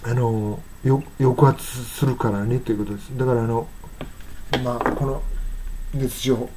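A man explaining the words of an English song in an unhurried, halting way, with many fillers and slow, careful reading of the English lines. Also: medium pitch, steady tone, background noise. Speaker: English teacher.

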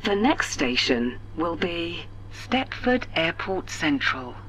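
A woman voicing an automated onboard train announcement, calm, measured and formal. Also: lowish voice, slight background noise, exaggerated voice, poor audio. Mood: announcing.

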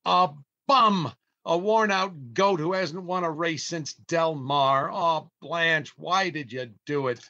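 Taking it slowly, an older man with a fairly high, bright, forceful voice plays a long-suffering, scolding family man in an old-time radio comedy. The heavily acted, theatrical performance of this exasperated, grumbling husband and father comes through a slightly dull online recording.

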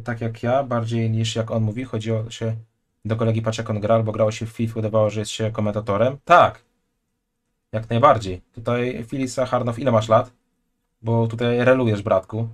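A man's voice: on the low side, fairly even intonation, moderate pace. A man in his twenties, joking and chatting loosely while reacting to a video on a live stream from a small room at home, speaking into a headset. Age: 20s. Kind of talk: casual live-stream commentary.

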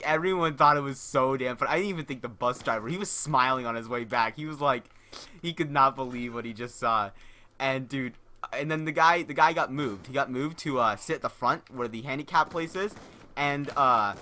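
A man's voice: mid-range voice, pushed and bright. A young man hosting his gaming channel, telling a casual story in a rambling, profane way, often repeating and restarting words.

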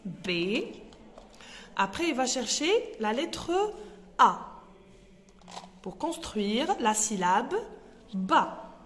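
Brief: woman, Arabic native speaker, slightly high voice, reverberant room with faint hum behind, slow tutorial host. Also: very animated, a bit bright. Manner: hesitant, many fillers, sounds out syllables slowly. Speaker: host and teacher. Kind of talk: craft and reading tutorial.

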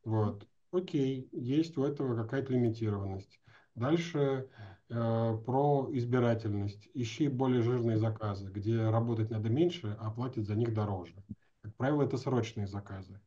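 In his forties, an animation teacher chats casually on a video call from a home or office, thinking out loud in slangy, informal interview talk. His voice is mellow and medium-pitched, moving at a moderate pace. The call audio is dull and lo-fi.

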